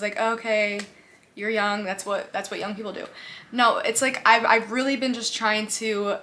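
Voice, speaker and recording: A woman in her twenties from the United States chats to her camera for a question-and-answer vlog, and the camera mic carries a little hiss or hum. Her mid-range voice has a sharp tone, and she stays upbeat, laughing often and leaning on "like".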